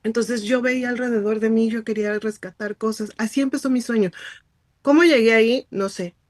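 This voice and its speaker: A woman leading a Bible study, telling a personal story in a searching, halting way with frequent restarts. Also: fairly high pitch, fairly even intonation, dry recording.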